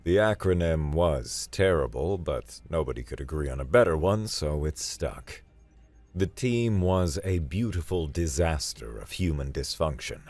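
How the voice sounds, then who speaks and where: A male storyteller with a very deep voice reads a sci-fi tale in a dry, wry manner. The sound is close and dead, with no room around it. Soft music plays underneath. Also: dry recording. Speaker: audiobook narrator. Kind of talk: scripted sci-fi narration.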